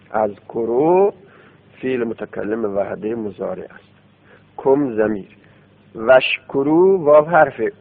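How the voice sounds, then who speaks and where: A man teaching Arabic grammar in a classroom lesson. He explains step by step and repeats words in drills. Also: mid-range voice. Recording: tinny phone-like radio recording.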